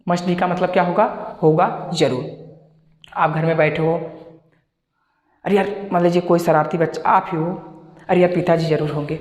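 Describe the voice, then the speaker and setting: A man's voice: a little high, steady tone, normal speed, long pauses. A man teaching spoken English, repeating phrases and acting out everyday scenes to explain them. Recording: echoey room with long reverb.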